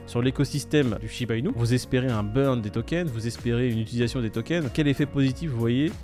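A man's voice: mid-range voice, quick pace, mellow, faint music behind. A man hosting a casual talk show, joking and speaking directly to his viewers. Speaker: show host. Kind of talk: casual crypto chat show.

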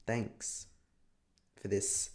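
A man's voice: extremely slow, a little mellow. Blunt man giving a podcast pep talk. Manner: blunt motivational pep talk, swears freely. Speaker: podcast host. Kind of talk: casual solo podcast monologue.

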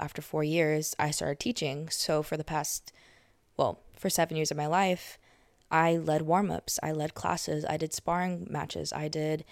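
Low, gravelly young woman chatting. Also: darkish tone, no echo. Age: young adult. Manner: chatty, filler-heavy, self-correcting. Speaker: podcast host. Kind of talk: casual monologue.

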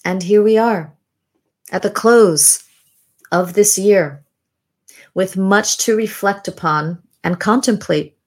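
Woman, slightly low voice, podcast host, scripted narration, deliberate delivery, reflective pauses. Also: darkish tone, husky. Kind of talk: scripted narration, year-in-review monologue.

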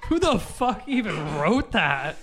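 A man's voice: sits high, sing-song, unhurried, a crowd in the background. A man hosting a casual podcast, swearing freely and joking with his co-hosts. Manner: loose, profane banter. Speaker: podcast host.

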